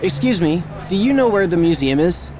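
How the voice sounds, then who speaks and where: A man's voice: high-pitched, big pitch swings, moderate pace, darkish tone, some chatter behind, slight background noise. A man playing a polite lost tourist. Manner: polite, clear textbook delivery. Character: lost young man asking for directions.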